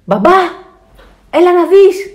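A woman voicing a restless four-year-old boy who keeps calling loudly for his father from bed. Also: big pitch swings, muffled recording. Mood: pleading, shouting. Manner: high, loud pleading calls.

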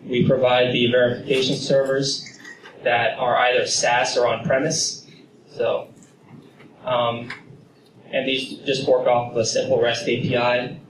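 Holding a handheld mic in an office meeting room, a young adult man presents a tech demo talk with confidence, explaining things and using casual fillers. He speaks at medium pitch in a level, unhurried tone, and the distant camera audio sounds roomy and noisy.

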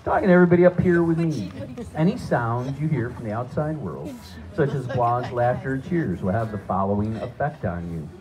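A man's voice: mid-range voice, lively intonation, fairly quick, a crowd in the background. A man hosting a live stage hypnosis show, giving short, repetitive, directive commands and showman patter to participants and audience. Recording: noisy, muffled live stage recording.

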